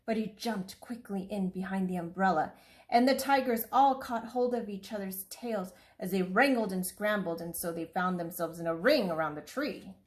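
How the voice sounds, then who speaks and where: A woman reading a children's storybook aloud with expressive, lively storytelling. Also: medium pitch, normal speed.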